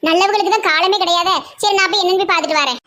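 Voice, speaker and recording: A very high, bright female voice with a Tirunelveli Tamil accent. She acts in a village comedy skit, dramatic and quick to scold. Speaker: comedy sketch actor.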